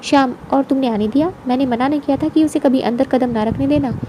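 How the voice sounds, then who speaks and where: A woman's voice: high voice, fast talker, dark tone, a little hiss or hum, natural voice. Woman voicing a jealous, accusing husband. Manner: accusing, scolding.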